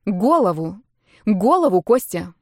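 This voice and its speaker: A woman's voice: medium pitch, big pitch swings, unhurried, no echo, clean studio sound. A woman voicing a cold, sarcastic middle-aged ex-wife who speaks in a sardonic, cutting way.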